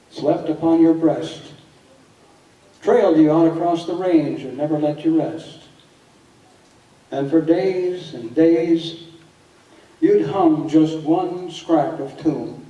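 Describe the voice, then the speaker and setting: A man reciting cowboy poetry with a drawn-out cowboy drawl. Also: fairly high pitch, warm tone, lo-fi sound. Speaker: cowboy poet. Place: live on stage at a gathering. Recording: echoey hall, distant microphone.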